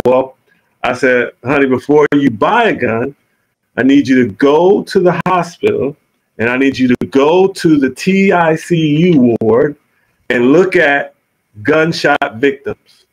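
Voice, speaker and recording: A man's voice: medium pitch, rough recording. A man with a Southern US accent in a middle-range voice, co-hosting a podcast. He tells stories in an easygoing, affirming manner, speaking plainly and steadily. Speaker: podcast co-host. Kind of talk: casual podcast chat.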